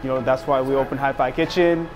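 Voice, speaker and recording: Recorded in his small restaurant with a painted mural wall, the thirtysomething owner talks fast in a mid-range voice with fairly even intonation. His casual conversation is laid-back and packed with slang and fillers, over music in a low-quality recording.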